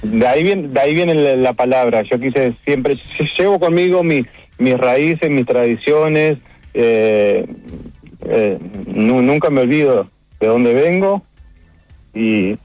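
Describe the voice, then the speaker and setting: A middle-aged man with a Uruguayan accent, a chef talking about his restaurant's award in a phone interview, halting and emotional, with many restarts. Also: medium pitch, animated, a little mellow, no echo, soft background music. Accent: Uruguayan Spanish. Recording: dull phone line.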